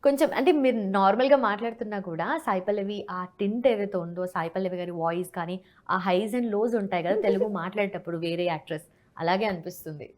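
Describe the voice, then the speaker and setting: A woman's voice: mid-range voice, fairly quick, darkish tone. A woman hosting an interview, asking casual questions and mixing English phrases into her talk. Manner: mixes English into her questions, many short acknowledgements. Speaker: interview host.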